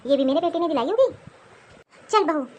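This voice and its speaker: A woman's voice: very high voice, expressive, a little fast, lo-fi sound. A woman voicing a bossy scolding mother-in-law. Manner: harsh, taunting, commanding. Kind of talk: cartoon voice acting.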